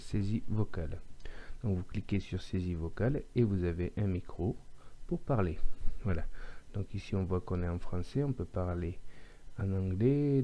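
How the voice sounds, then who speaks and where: A man with a regional French accent, a teacher showing software step by step in a screen-recorded tutorial and reading punctuation aloud as he dictates. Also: sits low, a little hiss or hum.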